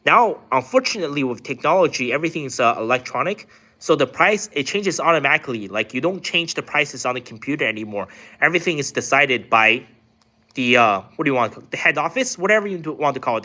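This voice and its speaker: A man's voice: on the high side, bright, forceful tone. A man from China hosting a casual live stream, reading out chat questions and rambling through answers with lots of filler words. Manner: rambling, filler-heavy talk with many "like"s. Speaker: livestream host reading chat.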